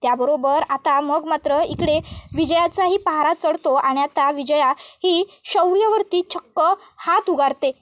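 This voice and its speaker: A woman narrating a television serial episode as a steady storytelling recap. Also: sits high, measured pace, dry recording.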